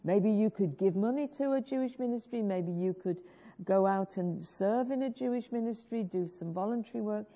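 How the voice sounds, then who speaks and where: A woman with a growly voice preaches a sermon and teaches a worship song, earnestly urging the congregation and coaxing them to join in. Her voice is mid-range and warm at a moderate pace, captured on a dull lo-fi recording.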